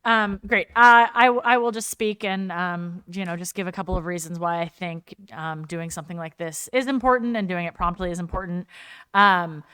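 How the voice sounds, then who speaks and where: A woman in her thirties speaks at a council desk microphone, her voice smooth and a little low. She talks in a measured, earnest way with many ums. The sound is close and dry. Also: sharp tone, dry recording. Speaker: city council member. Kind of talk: council remarks. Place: city council chamber.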